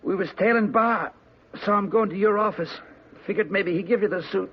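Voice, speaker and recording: Bleeding crook, high and husky. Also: male voice, brisk. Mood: cowed. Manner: pleading, panicky. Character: wounded male crook, whiny and scared. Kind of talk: 1950s radio drama acting. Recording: muffled old radio broadcast.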